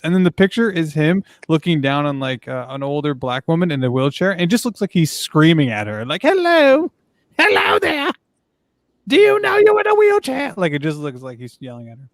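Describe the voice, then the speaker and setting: A man's voice: on the high side, quick pace, hardly any pauses, clean tone, no room sound, studio quality. A man co-hosting a casual gossip chat, telling stories animatedly and laughing easily. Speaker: co-host.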